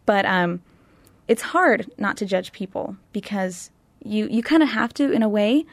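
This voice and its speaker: An eighteen-year-old woman from Chile hosting a youth panel discussion in a studio, talking things through in a reflective, unhurried way. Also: medium pitch, dry recording.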